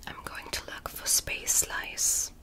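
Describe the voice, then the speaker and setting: A woman whispers softly as a gentle extraterrestrial medical examiner in an ASMR roleplay, taking her time and keeping every word reassuring and soothing.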